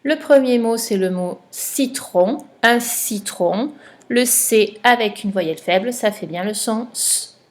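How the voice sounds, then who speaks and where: A woman's voice: medium pitch, slow pace. Woman, primary teacher, recorded home lesson, patient, stretches words for dictation.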